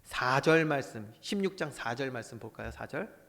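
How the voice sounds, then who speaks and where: A male pastor preaching a sermon with passion, swinging from loud bursts to hushed asides. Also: mid-range voice, expressive, normal speed, big-room sound.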